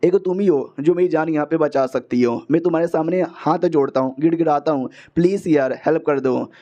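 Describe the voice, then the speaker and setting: A man's voice: a little high, brisk, dark tone, natural voice. A man voicing a young male cultivator who begs and apologizes a lot, heard as a dull lo-fi recording. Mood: pleading. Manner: begging, apologetic chatter.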